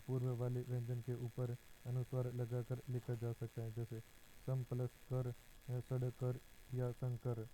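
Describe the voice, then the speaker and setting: A man with a very dark, mellow voice gives a slow, methodical exam-prep grammar lesson. He speaks on an almost unchanging, flat pitch and often pauses on a drawn-out "a" as he works through each example. A faint hiss sits under the recording. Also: low-quality recording. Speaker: teacher.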